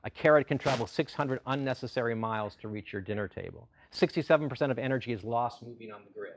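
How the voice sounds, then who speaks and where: A man's voice: mid-range voice, fast, background noise. A middle-aged man giving a corporate keynote with polished enthusiasm, repeating phrases for emphasis. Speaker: CEO keynote speaker.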